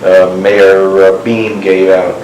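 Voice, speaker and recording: Deep-voiced man on old cassette tape. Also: little pitch movement, takes it slowly, darkish tone. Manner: meandering, heavy on "you know" and "like". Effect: old cassette tape recording. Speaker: interviewee, former neighbor. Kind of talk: rambling recorded interview. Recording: hissy echoey cassette tape.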